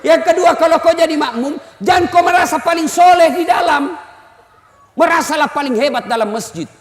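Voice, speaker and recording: A man's voice: very high-pitched, moderate pace. A man from Indonesia giving a comic sermon, telling anecdotes and acting out the people in them. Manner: animated storytelling, acts out the people in his anecdotes. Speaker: preacher. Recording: long hall reverb.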